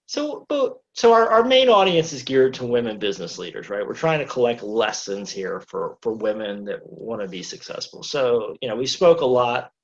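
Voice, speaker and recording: A man's voice: mid-range voice, dull audio. A man hosting a casual interview, speaking in long sentences with many you-knows. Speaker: host.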